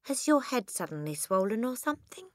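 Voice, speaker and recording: A woman voicing a little English girl, calm, soft and innocent-sounding but quietly cheeky, in an audiobook. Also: on the high side, fairly quick, dry recording, clean studio sound, pitched above the performer's own voice. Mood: mock-innocent. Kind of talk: dramatised audiobook character.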